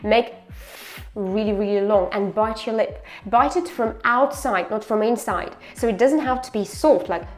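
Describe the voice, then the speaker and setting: A woman pronunciation teacher giving a slow, careful lesson. She says each word twice, then explains where to put the tongue and jaw. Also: mid-range voice, faint music behind.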